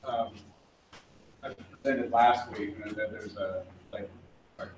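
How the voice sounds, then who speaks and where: A man answering an audience question, explaining ecology in a halting way with restarts. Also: on the low side. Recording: echoey, distant, noisy room.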